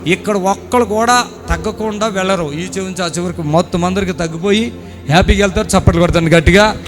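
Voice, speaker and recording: A man's voice: sits high, fast talker, music in the background. A man preaching as pastor at a healing service, fervent and exhorting, questioning people on stage.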